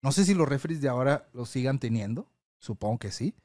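A man's voice: medium pitch, expressive, a little fast, darkish tone, no echo, studio quality. A young man, co-hosting a casual podcast and telling a long rambling story with many fillers. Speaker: podcast co-host.

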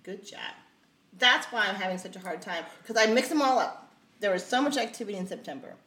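A woman's voice: medium pitch, animated, brisk, pushed and bright. A woman chatting as a podcast guest, playful and giggly, often breaking into laughter. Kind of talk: casual podcast chat. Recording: roomy echo.

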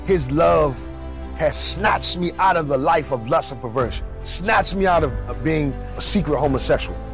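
A man's voice: moderate pace, creaky, music in the background. Earnest young man giving a testimony. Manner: earnest, emotional, with sudden rises in pitch. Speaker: testimony speaker. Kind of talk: personal testimony interview.

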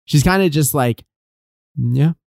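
A man co-hosting a casual film review podcast, talking in an animated, sarcastic way and laughing often. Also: medium pitch, moderate pace, no echo, studio quality. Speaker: podcast co-host.

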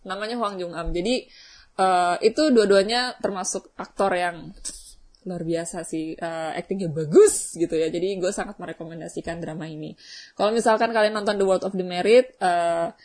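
A young woman, hosting a vlog and chatting casually with viewers, telling a story in a slangy, animated way. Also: fairly low pitch, normal speed. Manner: chatty storytelling, slangy Jakarta-style, animated when excited. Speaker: vlog host.

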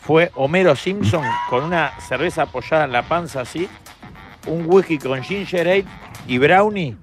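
A man, co-hosting a radio show and teasing his friends with quick jokes. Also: fairly high pitch, music in the background. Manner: joking, teasing. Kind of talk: casual chat among friends.

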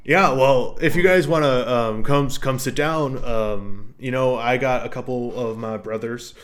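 A man voicing an ancient, friendly talking mushroom with a gruff voice and a halting, rambling, folksy way of talking, in a fantasy tabletop game. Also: mid-range voice, natural voice. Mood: welcoming, earnest.

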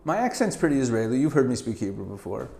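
This middle-aged Canadian guest has a gravelly, mid-range voice and talks fast in a casual interview. His delivery is animated, peppered with stuttered restarts and ready laughter.

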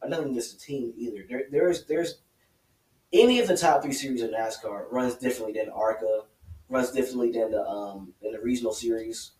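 A man's voice: medium pitch, brisk, darkish tone. A man co-hosting a casual motorsport podcast, talking in a hesitant way with many fillers and restarts. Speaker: podcast co-host. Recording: roomy, distant mic.

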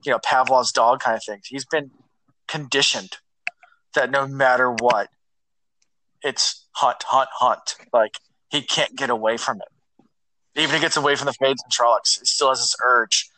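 A man's voice: medium pitch, bright, forceful tone, poor audio. A man co-hosting a podcast over an online voice call, recapping the plot at length with lots of fillers. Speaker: podcast co-host. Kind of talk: casual book discussion chat.

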